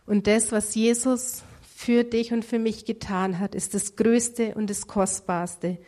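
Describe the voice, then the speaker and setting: A woman giving a devotional Bible teaching in a calm, earnest, measured way, pausing now and then with small fillers. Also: a little high.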